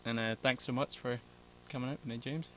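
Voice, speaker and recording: A young man explaining bushcraft in a relaxed, casual way, outdoors in a forest on an action camera. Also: medium pitch, a little fast, slight background noise, rough recording. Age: young adult. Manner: relaxed, explanatory, dry humor. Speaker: vlogger. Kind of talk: casual outdoor vlog narration.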